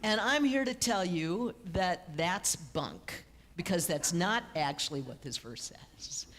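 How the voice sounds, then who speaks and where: A woman rabbi preaches in a church, her fairly low voice swooping up and down as she teaches in a chatty way. She keeps the congregation involved with quick jokes. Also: a little hiss or hum. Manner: lively, conversational, jokes with the congregation. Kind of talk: teaching sermon. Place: church sanctuary.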